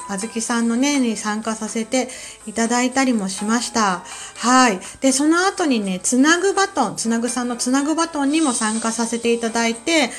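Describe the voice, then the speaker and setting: Calm kansai woman chatting solo, bit high voice, soft fillers, faint music under. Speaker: podcast host. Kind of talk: casual solo talk.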